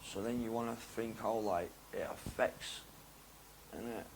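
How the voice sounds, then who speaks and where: A young man, talking candidly in an interview in a rambling, slangy way that swings from loud and animated to low and mumbled. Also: measured pace, a little hiss or hum, poor audio. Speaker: interview guest.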